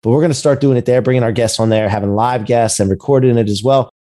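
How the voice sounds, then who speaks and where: A man's voice: medium pitch, fairly even intonation, quick pace, warm tone. A man hosting a business podcast in a conversational, motivational entrepreneur style full of buzzwords, recorded over a video call. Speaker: podcast host.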